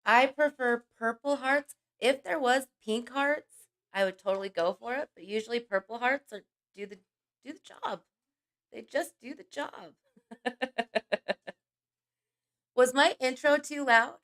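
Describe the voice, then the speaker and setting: A high-pitched woman hosts a livestream, her voice scratchy and hoarse from a cold. She chats casually and greets each viewer by name.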